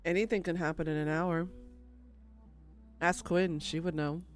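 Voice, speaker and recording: Over soft background music, a woman streaming a game keeps up relaxed, self-deprecating chatter with her chat. Her voice is fairly low with a steady tone, at a moderate pace.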